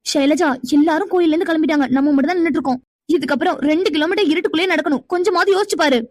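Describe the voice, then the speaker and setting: A woman's voice: very high-pitched, racing, darkish tone, dry recording, clean studio sound. A woman voicing a bossy, protective young village girl who scolds and insists in a cartoon. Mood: coaxing. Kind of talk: cartoon voice acting.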